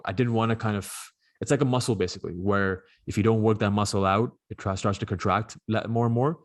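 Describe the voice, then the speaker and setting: A young man from Dubai talks fast and casually as a guest, stringing thoughts together with lots of fillers. His voice sits fairly low. The sound is dry, with no room around it. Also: no echo. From Dubai, UAE. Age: 20s. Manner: rapid, chatty, frequent fillers. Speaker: podcast guest. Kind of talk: casual interview conversation.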